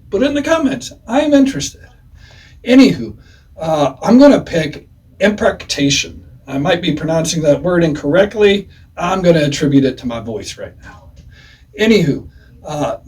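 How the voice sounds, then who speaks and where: A man in his forties talks through a casual review in a loose, meandering way, filling pauses with "uh" and "anywho." His voice sits a little high for a man. He sounds set back from the microphone rather than close to it. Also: a little mellow, far from the mic. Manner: rambling, many "uh"s and "anywho"s. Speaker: music reviewer.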